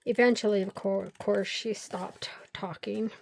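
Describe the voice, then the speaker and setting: Gluing paper pieces for her crafting vlog, an older host talks to herself and wanders from story to story. She speaks at a measured pace in a steady, medium-pitched voice that is creaky and a bit dark.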